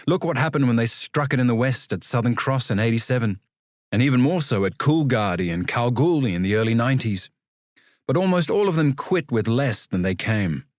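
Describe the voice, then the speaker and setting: A man's voice: medium pitch, lively intonation, fairly quick, no room sound, studio quality. A man reading a literary story as a scripted audiobook narration.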